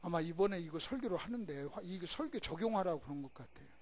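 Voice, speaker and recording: A middle-aged male pastor preaching a sermon. He asks the congregation questions, has them answer, and swings from loud shouts to hushed whispers. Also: high voice, lively intonation, fast talker.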